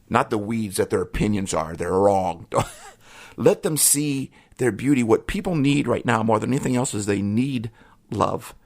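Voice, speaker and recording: A middle-aged man hosting a solo podcast, talking in an earnest, emotional way, often trailing off quietly at the ends of his thoughts. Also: fairly low pitch, vocal fry. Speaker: podcast host. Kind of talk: reflective solo podcast talk.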